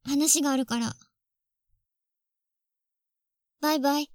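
A woman's voice: high-pitched, fairly even intonation, fast talker, no echo, clean studio sound, lightly acted. A woman voicing a clingy, possessive younger sister on a phone call, sweet at first and coldly jealous underneath. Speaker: voice actress in phone-call role-play. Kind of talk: phone-call role-play drama.

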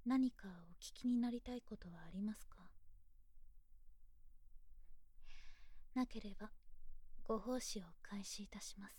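Woman doing a young maid, whispery and super polite, mellow little voice, dry close sound. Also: on the high side, dry recording. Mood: calm, firm. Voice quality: soft whispering. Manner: formal, very polite and calm. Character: polite, composed young maid attending a master. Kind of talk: whispered ASMR roleplay.

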